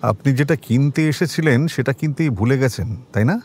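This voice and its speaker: In an audio drama, a man plays a composed police detective who asks questions politely but pointedly, in a measured way. His voice is medium-pitched, darkish, and slightly rough.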